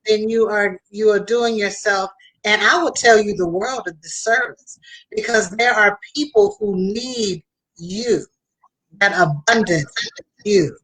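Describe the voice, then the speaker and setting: A woman's voice: medium pitch, unhurried, a bit bright, breathy edge, poor audio. Female host, conversational motivational talk, emphatic and advising, speaks straight to the listener.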